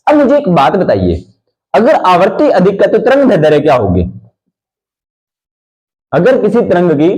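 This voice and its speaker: A man's voice: high-pitched, warm tone, dull audio. A man teaching a live online exam-prep class, asking students questions, answering them himself and drilling key points again and again.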